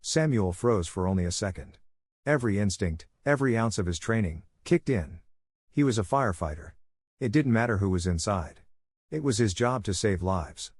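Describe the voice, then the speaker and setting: A man narrating a dramatic story in a steady, measured storytelling delivery. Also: lowish voice, slightly rough, no room sound, studio quality.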